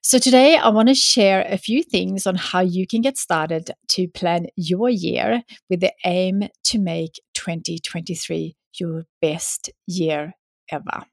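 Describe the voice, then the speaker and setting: A woman's voice: fairly low pitch, takes it slowly, creaky, no room sound, clean studio sound. A woman hosting a solo advice podcast, upbeat and encouraging, speaking to the listener in a tidy, step-by-step way. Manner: encouraging, addresses listener directly. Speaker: podcast host.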